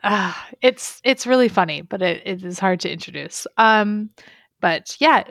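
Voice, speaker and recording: A woman's voice: medium pitch, measured pace, vocal fry, a bit bright, no room sound, clean studio sound. A young woman co-hosting a gaming podcast in casual, rambling, enthusiastic chat. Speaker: podcast co-host.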